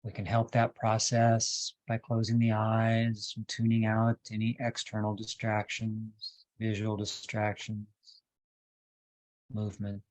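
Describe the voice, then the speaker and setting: Over poor audio, a man with a lowish voice leads a guided meditation. As the teacher, he keeps his phrasing calm, measured and deliberate, leaving long silences between lines.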